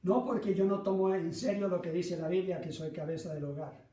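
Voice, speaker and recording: Raised by North American parents in Argentina, this middle-aged pastor has a Latin American Spanish accent and a high-pitched, warm voice that moves a little fast. He preaches earnestly through personal stories, poking fun at himself. The sermon is captured by a distant mic with roomy echo.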